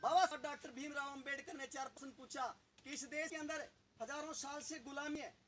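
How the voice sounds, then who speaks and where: Guy giving a speech in a village, high sharp voice, keeps asking the crowd questions, bit of noise behind. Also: steady tone, a little fast. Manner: rhetorical questions to the audience. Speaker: local party leader. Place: outdoors in a village gathering.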